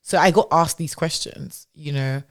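A low-voiced woman talking at a normal speed shares stories on a podcast as a guest, casual and conversational. She's a tech founder raised in Nigeria, and she often restarts sentences and leans on fillers.

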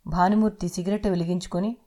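A woman's voice: on the low side, quick pace. Woman narrating an audio novel. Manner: steady, literary storytelling.

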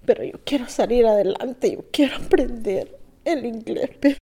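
A Salvadoran woman in her fifties, an immigrant learning English, giving a halting, soft personal testimony that sometimes drops to a whisper. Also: a little high, creaky, husky. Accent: Salvadoran Spanish.

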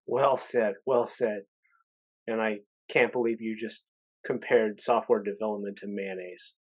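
A man's voice: fairly low pitch, steady tone, measured pace, slightly rough. A man hosting a podcast interview, who talks casually and often hesitates, stammering and restarting as he works out his questions. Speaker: podcast host.

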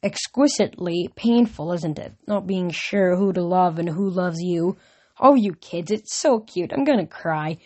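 A woman voicing Aphrodite, a vain, flirtatious goddess of love who speaks in a slow, gushing, dismissive drawl. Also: fairly low pitch, a little mellow. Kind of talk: audiobook reading.

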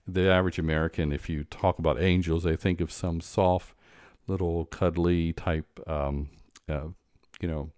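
A man hosting an interview, talking in a halting way with many restarts and fillers. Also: low voice, steady tone, a little mellow, smooth, dry recording, clean studio sound. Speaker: podcast host. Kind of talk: conversational interview.

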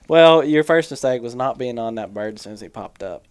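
A man's voice: mid-range voice, expressive, normal speed, clean tone. A man hosting a podcast, chatting in an informal, colloquial way. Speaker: podcast host. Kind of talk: casual podcast chat.

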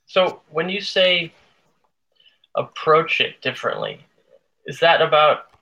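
A man's voice: on the high side, expressive, slow pace, creaky, bright, forceful tone, lo-fi sound. A man hosting a casual interview, asking long, curious questions. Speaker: interviewer, tango dancer.

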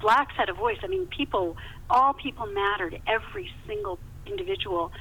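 This woman, a novelist guesting on a podcast, has a medium-pitched, sing-song voice that sounds pushed, bright, and slightly rough, moving at a moderate pace. She tells stories conversationally and emphatically, repeating words for emphasis. The recording is a muffled phone line with hiss.

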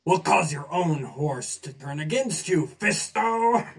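A man's voice: a little high, lively intonation, slow pace, pitched above the performer's own voice. A man voicing a boastful, wicked beast-master henchman gloating over his enemy in a children's storybook recording. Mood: gloating, menacing.

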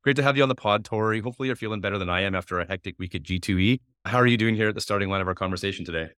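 A man from Winnipeg, Canada, hosting an interview podcast with a hoarse smoker's rasp and a runny nose. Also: on the low side, very fast, fairly bright tone, no echo, studio quality. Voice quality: raspy, like a heavy smoker, from a strained throat. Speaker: podcast host.

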